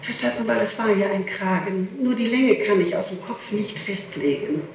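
On hissy, echoey archival tape captured by a distant mic in a reverberant room, a woman with a mid-range voice answers a prosecutor's questions in a formal interrogation. She speaks at a moderate pace.

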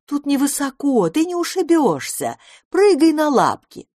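A woman's voice: sits low, moderate pace, no room sound, clean studio sound, close to an everyday voice. A woman voicing a kind mother in a children's story who cheers on a frightened kitten. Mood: encouraging. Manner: warm, encouraging.

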